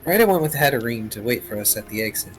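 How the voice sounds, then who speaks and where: A man's voice: mid-range voice, expressive, fast, soft background music. A man running a tabletop role-playing game, narrating and chatting casually as game master.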